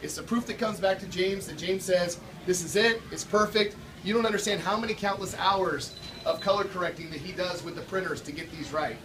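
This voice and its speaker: A man with a high voice gives a sales presentation as host of a gallery evening. He repeats phrases for emphasis. The microphone is distant and there is clear noise around him. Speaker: gallery art dealer hosting a show opening. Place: gallery room at a live event. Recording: distant mic, noisy room.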